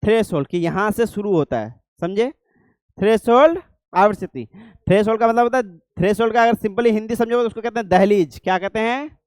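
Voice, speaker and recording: A man's voice: high voice, a little fast, a little mellow, clear, resonant tone, dry recording, clean studio sound. A middle-aged male teacher giving a classroom lecture, often stopping to ask the class whether they follow. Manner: keeps asking the class checking questions.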